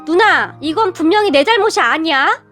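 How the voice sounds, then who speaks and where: A woman voicing an exasperated young husband who sighs and yells. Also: very high voice, animated, moderate pace, faint music behind, heavily acted. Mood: sighing. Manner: sighing, yelling.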